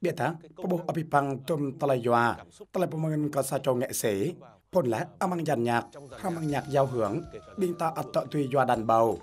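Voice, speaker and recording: A man giving scripted narration for a television feature, reading in a steady, even way. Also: medium pitch, a little fast. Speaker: news narrator.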